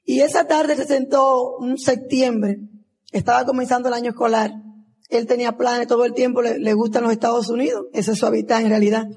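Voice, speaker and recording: A woman tells her story to a convention crowd. Her voice is husky. She slips into the voices of the people in it as she speaks. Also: fairly high pitch, steady tone, a little fast, darkish tone. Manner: emotional storytelling, acting out dialogue. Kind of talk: motivational testimonial speech.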